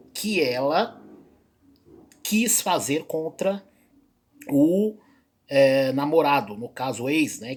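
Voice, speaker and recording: Guy with a husky kinda breathy voice, rambling commentary, lots of fillers. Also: fairly high pitch. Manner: rambling, with many fillers and trailing pauses. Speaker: reaction video host. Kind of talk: casual spoken commentary.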